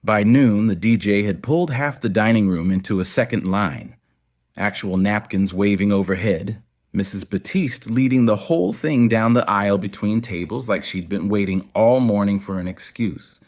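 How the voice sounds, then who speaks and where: Taking a moderate pace, this deep-voiced male narrator sounds a little mellow as he reads the prepared storytelling passages that sit between the dialogue of an audio story.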